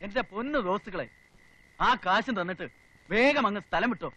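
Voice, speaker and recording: An actor playing a put-upon hotel keeper who pleads fretfully, in a slapstick film comedy. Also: male voice, high voice, lively intonation, a little fast, bright, forceful tone, dull audio, heavily acted.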